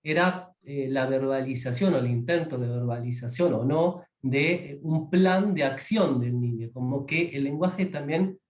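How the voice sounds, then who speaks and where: A man's voice: medium pitch, measured pace, few pauses, darkish tone, reverberant. A man asking a question at a seminar, hesitant and trailing off as he searches for words.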